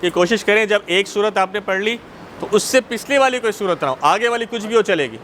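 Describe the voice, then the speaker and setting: Mosque teacher, Pakistani Urdu, male, repeats his points and checks the class, bright tone. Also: high-pitched, slight background noise. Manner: repetitive, checks students' understanding. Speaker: religious teacher. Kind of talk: Islamic jurisprudence class.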